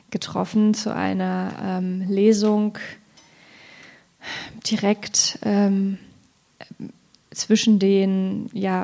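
A poet from Thuringia, Germany, speaks in a literary discussion, thoughtful and halting as she searches for her words. Her mid-range voice is gravelly and dark in tone.

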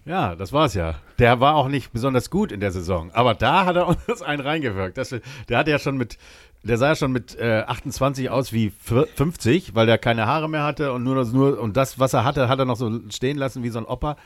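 A man's voice: medium pitch, fairly quick, no room sound, studio quality. Rambling man in casual chat. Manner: rambling, restarts with fillers.

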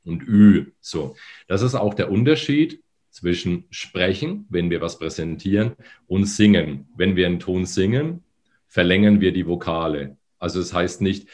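A man's voice: deep voice, normal speed, darkish tone. A male voice coach on a podcast, his voice a little phlegmy in the morning, explaining and demonstrating voice exercises with hums. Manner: instructive, demonstrates with hums and sung lines.

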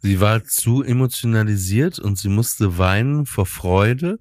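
A young man co-hosting a relaxed bedtime chat, rambling and hesitant as he searches for words. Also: fairly low pitch, a little slow, dry recording, clean studio sound. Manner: rambling, hesitant, many ums and restarts. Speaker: podcast co-host.

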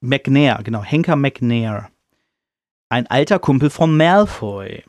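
A man's voice: medium pitch, lively intonation, slow, a little mellow, dry recording. A man hosting a podcast, retelling a book chapter casually in a chatty, slangy way with some swearing. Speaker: podcast host.

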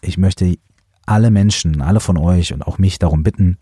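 Deep, husky man musing on a podcast. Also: normal speed, no echo, studio quality. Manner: gentle, musing, with many fillers. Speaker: podcast host and coach. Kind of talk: reflective podcast monologue.

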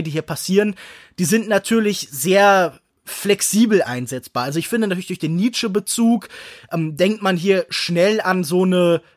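A man with a notably high voice, recorded dry and close, who talks about cinema in long, thoughtful sentences. He circles around his ideas and picks his words as he goes, as a podcast co-host. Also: no room sound. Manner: reflective, searching for words, long winding sentences. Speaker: podcast co-host, film critic. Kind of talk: analytical film discussion.

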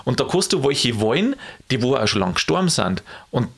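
Bavarian guy chatting on a podcast, voice jumps all over, gets excited fast. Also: mid-range voice, creaky. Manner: excitable, exclaims often. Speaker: podcast co-host. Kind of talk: casual chat.

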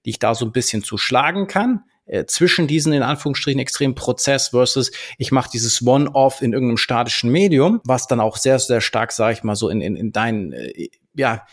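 A man co-hosting a podcast, explaining in a thoughtful, hesitant way with many pauses and restarts. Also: medium pitch, expressive. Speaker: podcast co-host. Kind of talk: casual podcast conversation.

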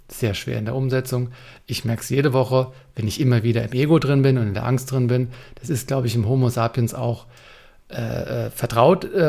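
A man's voice: mid-range voice, creaky, darkish tone. A man giving a communication coaching talk, speaking in short punchy phrases, asking rhetorical questions and addressing the listener directly.

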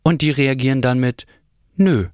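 A man's voice: mid-range voice, normal speed, dry recording, clean studio sound. A man presenting a podcast introduction in a reflective, conversational style.

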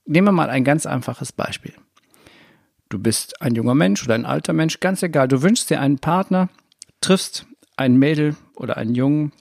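Gravelly man musing on happiness. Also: fairly high pitch, moderate pace, darkish tone, dry recording, clean studio sound. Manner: rambling, self-correcting, conversational. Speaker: podcast host. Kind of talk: spiritual self-help podcast monologue.

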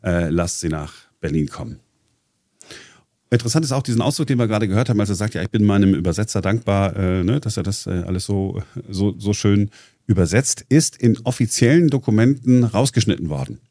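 Low dark-voiced guy rambling through an explanation on a talk show, lots of uhs, dry close mic. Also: expressive, brisk, no room sound. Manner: chatty, explains at length with many fillers and restarts. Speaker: radio presenter. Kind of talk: casual chat.

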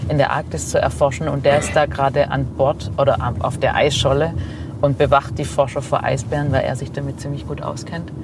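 A woman's voice: very deep voice, noisy background. Chatty woman in a moving car. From Swabia, Germany. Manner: lively storytelling, many fillers and quick agreement. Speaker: travel blogger guest. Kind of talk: casual interview chat. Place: passenger seat of a moving car.

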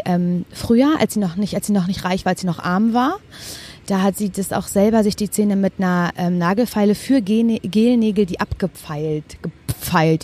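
A woman's voice: mid-range voice, warm tone. A woman guesting on a podcast in casual chat, telling rambling, self-mocking stories.

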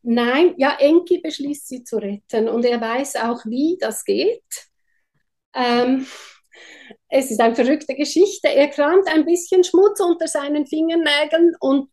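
A woman's voice: sits high, a little slow, darkish tone. A woman with a Swiss German accent who retells an old myth in a podcast chat and acts out the voices she quotes. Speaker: storyteller guest.

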